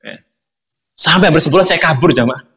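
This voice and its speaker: Bright-voiced male preacher telling stories. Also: fairly high pitch, brisk. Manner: animated storyteller, acts out dialogue, addresses congregation often. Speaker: Islamic preacher. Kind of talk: sermon with personal storytelling.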